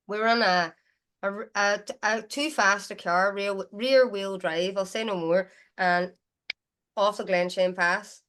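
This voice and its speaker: A woman with a Derry accent speaks at a medium pitch. She chats casually as a guest on an interview show, telling stories in a Northern Irish voice. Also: steady tone, a little slow, fairly bright tone, clean tone. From Derry, Northern Ireland. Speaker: guest musician. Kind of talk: casual chatty storytelling.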